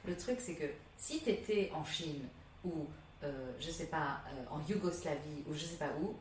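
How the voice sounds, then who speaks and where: A woman from England who teaches English, talking in a relaxed podcast interview, emphatic and quick to repeat her key words. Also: sits low, recorded from a distance, slight background noise. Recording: roomy, from off the mic, faint ambience.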